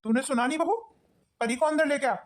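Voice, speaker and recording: A woman's voice: sits high, quick pace, natural voice. A woman voicing a kind, protective older grandfather in a cartoon, speaking firmly and earnestly. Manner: firm, earnest. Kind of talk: cartoon voice acting. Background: background music.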